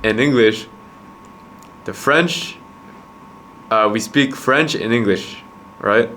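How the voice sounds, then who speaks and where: A young Quebec man, a vlogger and entrepreneur whose first language is Khmer, speaks to the camera in a casual, reflective monologue. His medium-pitched voice is bright and forceful, and he sounds halting but earnest, often restarting and repeating words as he thinks. The audio is poor, with a little hiss or hum.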